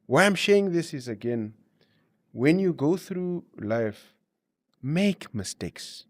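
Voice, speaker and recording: A man's voice: a little high, big pitch swings, takes it slowly, no echo. Man explaining things in conversation, dry sound. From Namibia. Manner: explanatory, punctuates with 'you know' and 'you see'. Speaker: entrepreneur, interview guest. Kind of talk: conversational interview advice and storytelling.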